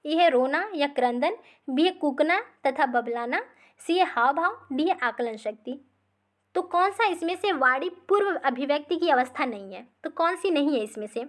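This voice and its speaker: A woman with a high, light voice teaches an exam-practice lesson. She explains slowly and repeats each point, checking in after almost every line. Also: lively intonation.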